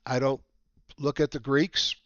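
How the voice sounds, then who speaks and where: Guy doing a casual market update, nose whistles, halting and rambly, dry kinda muffled home recording. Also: medium pitch, little pitch movement, fairly bright tone, dry recording. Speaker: trading educator hosting a market update. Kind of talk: casual semi-scripted market commentary. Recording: slightly dull, lo-fi dry recording.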